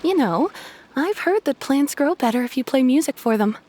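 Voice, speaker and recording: Game florist, high voice, friendly, welcoming, obliging wife, faint noise behind. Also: female voice, lively intonation, normal speed, a little mellow. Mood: affectionate. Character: friendly young wife running a flower shop. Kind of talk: video game voice acting.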